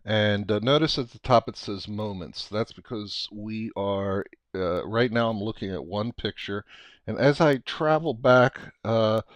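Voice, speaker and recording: Halting American man, slightly low voice. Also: no echo. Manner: halting, thinking aloud with digressions. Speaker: software tutorial presenter. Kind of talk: unscripted screencast tutorial, casual explaining.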